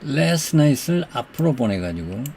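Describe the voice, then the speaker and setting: A male English teacher speaks in a gravelly, unhurried voice at a middle pitch. He says each English example slowly and carefully and walks through the grammar step by step. A faint hiss sits under the recording. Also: sing-song, a little mellow. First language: Korean. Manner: slow, deliberate English examples, faster Korean explanation. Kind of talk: slow explanatory lesson.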